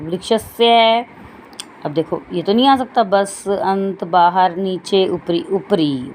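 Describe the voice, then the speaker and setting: A woman's voice: mid-range voice, a little mellow, slight background noise. A woman teacher reading a Sanskrit text and explaining it line by line for her students. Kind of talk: Sanskrit lesson explained in Hindi.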